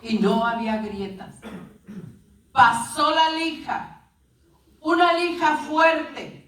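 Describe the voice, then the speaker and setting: A woman's voice: high voice, takes it slowly, a bit bright. A woman preacher telling a parable in a sermon, addressing the congregation as brothers, recorded from a distance in an echoey room.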